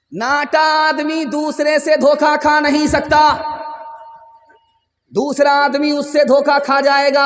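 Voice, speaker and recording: High-voiced man preaching in an echoing hall. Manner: tells anecdotes with quoted dialogue, breaks into chanted verse. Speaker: Islamic preacher. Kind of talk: storytelling sermon. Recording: echoey hall reverb.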